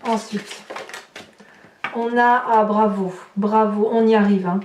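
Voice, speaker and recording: A woman's voice: medium pitch, steady tone, slow pace. Tarot-reading woman in an echoey room. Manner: exclamatory, thinks aloud while drawing cards. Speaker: tarot reader. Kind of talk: tarot card reading to viewers. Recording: roomy echo, voice somewhat far from the mic, faint noise.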